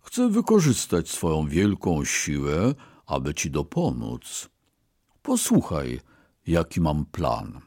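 A man voicing a loyal, gentle ox in a read-aloud storybook, speaking softly and slowly. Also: very deep voice, wildly swooping pitch, breathy edge, voice pushed down, heavily acted. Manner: soft, slow, reassuring. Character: gentle strong male ox, loyal and calm.

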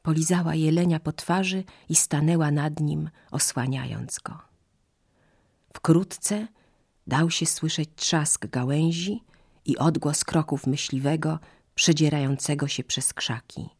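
Slow gravelly storyteller reading a fable, husky, calm and measured. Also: mid-range voice. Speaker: narrator.

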